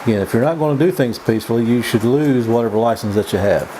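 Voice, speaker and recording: A man giving a casual, opinionated vlog monologue in a folksy, halting way, often repeating his words as he goes. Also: mid-range voice, noisy background. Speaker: vlog host. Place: indoors.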